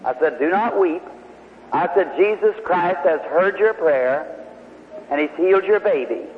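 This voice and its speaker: A man's voice: sits high, expressive, measured pace. A man preaching to a congregation, telling a healing story in a folksy, homespun way. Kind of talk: sermon testimony storytelling. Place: large hall before a congregation. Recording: tinny old hall recording with faint hiss.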